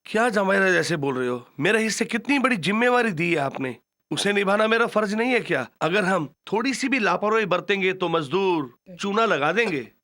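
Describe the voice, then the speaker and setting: An eager, fawning uncle. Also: male voice, high voice, a little fast, no room sound, clean studio sound. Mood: flattering. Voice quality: eager, flattering. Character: fawning, loyal middle-aged uncle.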